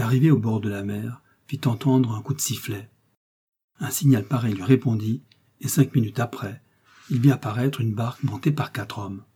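Husky-voiced male audiobook narrator. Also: medium pitch, mellow. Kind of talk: scripted narration.

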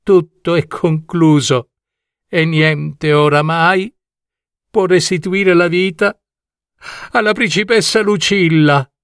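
A man's voice: on the high side, slow pace, a bit bright, smooth, no room sound, clean studio sound. A man reading a storybook voices a grieving young man in despair, his talk mournful and hopeless.

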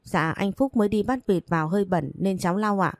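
A woman's voice: medium pitch, a little fast, no room sound, clean studio sound, close to an everyday voice. A woman reading the lines of a playful, somewhat childish young woman, in a plain audiobook reading voice. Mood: playful, polite. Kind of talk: audiobook narration.

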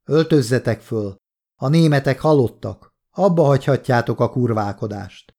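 A man reading an audiobook, voicing a gruff, scornful male partisan commander who talks in blunt, mocking orders. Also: mid-range voice, animated, warm tone.

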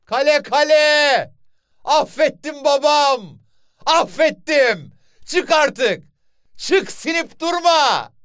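A blustering village father with a very high, bright, piercing voice, as a storyteller puts him on, calling out in long drawn-out pleas and threats. The sound is dry and close, with no room around it. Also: expressive, no echo, exaggerated voice. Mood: shouting. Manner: pleading, blustering, drawn-out calls.

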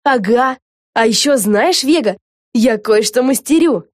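A woman's voice: a little high, animated, measured pace, no echo, studio quality, voice pushed up. A woman voicing an eager young girl witch who is an obsessive superfan and plays pirate ship captain in an audiobook. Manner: eager, bubbly. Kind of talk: audiobook character voice.

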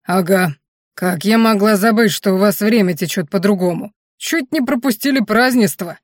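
A woman's voice: mid-range voice, normal speed, dry recording, studio quality, close to an everyday voice. A woman voicing a blunt, plain-spoken green orc warrior woman in an audiobook. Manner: gruff, plain-spoken, snorting.

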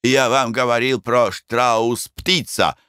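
Patient porter, voiced by the reader; slow, low-key, dry. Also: male voice, fairly even intonation, pushed and bright, clean tone, no echo. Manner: slow, careful, broken speech. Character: polite puzzled German museum porter, broken Russian.

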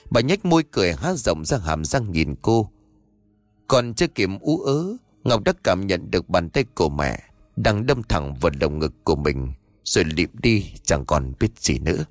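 Low-voiced male horror storyteller. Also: dry recording. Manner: dramatic, suspenseful. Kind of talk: scripted horror narration.

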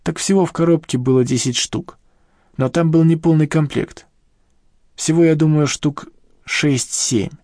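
A man's voice: fairly even intonation, measured pace, dark tone, dry recording, clean studio sound, natural voice. A man voicing a grumbling, rueful elderly male professor in an audiobook, with a complaining, defensive manner. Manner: grumbling, complaining, raised pitch over the reader's own. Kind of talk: audiobook character reading.

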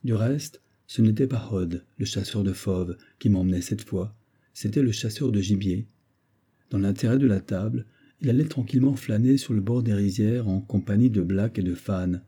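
A man narrating a classic adventure novel as an audiobook, in a measured, steady reading. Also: fairly low pitch, slightly rough. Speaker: audiobook reader.

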